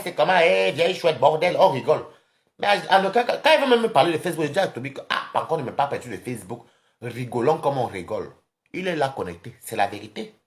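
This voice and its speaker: A speaker from Cameroon with a Cameroonian accent, ranting casually and confrontationally to viewers on a social media live stream. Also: mid-range voice. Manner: animated, rambling, confrontational, addresses viewers directly.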